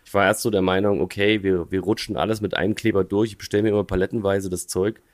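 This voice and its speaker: Low-voiced man, halting and restarting. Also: fairly even intonation, dry recording, studio quality. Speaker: guest, tiling business owner. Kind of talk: casual podcast chat.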